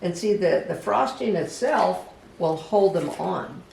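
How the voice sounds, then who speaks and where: A craft instructor giving a casual step-by-step demonstration, talking gently and unhurriedly, even chatting to the project. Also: mid-range voice, a little slow, gravelly. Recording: echoey room, voice from a distance, faint background hum.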